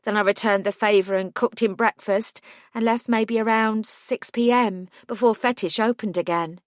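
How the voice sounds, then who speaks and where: A woman voicing a gentle young cafe worker and nursing student with a faint London accent, speaking softly and earnestly. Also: medium pitch, fairly even intonation, normal speed, no echo, studio quality, pitched above the performer's own voice, natural voice. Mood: candid.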